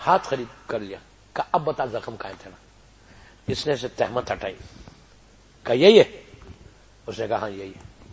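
A man preaching a sermon, telling a religious story that swings between soft, hushed narration and loud, raised exhortation. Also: medium pitch, a little hiss or hum.

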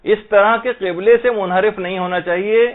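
Through tinny, phone-like audio, a high-voiced man with a steady tone teaches an Islamic prayer lesson. As a religious teacher, he explains with patience and slowly, carefully recites Arabic phrases to demonstrate how to pronounce them.

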